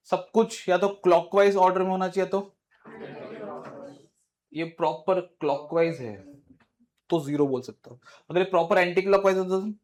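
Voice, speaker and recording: A man teaching a physics class in mixed with English, quizzing his students in a brisk, informal way. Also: high-pitched, darkish tone. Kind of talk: classroom lecture.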